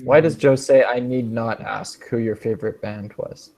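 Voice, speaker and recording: A man's voice: medium pitch, steady tone, creaky, darkish tone. Patient male English teacher. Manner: patient, explains words slowly with examples. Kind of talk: online language class.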